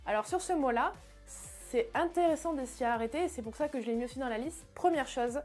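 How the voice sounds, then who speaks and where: High-voiced woman teaching English. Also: a little fast, darkish tone, soft background music. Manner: chatty, with fillers and restarts, repeats example words. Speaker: English teacher, channel host. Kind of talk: explanatory online lesson.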